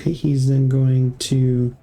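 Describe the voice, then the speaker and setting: Male game master, unhurried, mellow tone, hesitant narration with fillers. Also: medium pitch, little pitch movement, soft background music. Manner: halting, with many fillers and restarts.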